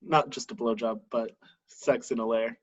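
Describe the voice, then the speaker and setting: A man's voice: medium pitch, fairly even intonation, moderate pace, low-quality recording. A man in his thirties co-hosting a podcast, chatting casually with playful asides. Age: 30s. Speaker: podcast co-host. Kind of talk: casual chat.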